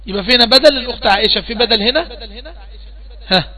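A man's voice: very high voice, quick pace, bright, forceful tone, rough recording. A man with an Egyptian accent teaching Quran recitation rules, patiently asking students questions and repeating each point. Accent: Egyptian Arabic. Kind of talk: online tajweed lesson.

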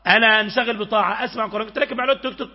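A man with an Egyptian accent delivers an impassioned sermon in a very high, rapid voice. He pushes urgently and breaks into sudden raised outbursts. The recording is dull and lo-fi. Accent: Egyptian Arabic. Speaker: preacher.

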